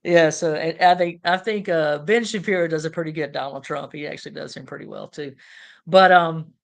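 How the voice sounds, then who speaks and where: A man's voice: on the high side, brisk, vocal fry. Opinionated male podcast host. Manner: conversational, opinionated, many fillers. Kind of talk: casual political talk.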